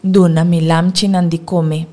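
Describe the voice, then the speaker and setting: A woman voicing a calm, gentle man who asks questions slowly, in a storybook reading. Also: lowish voice, close to an everyday voice.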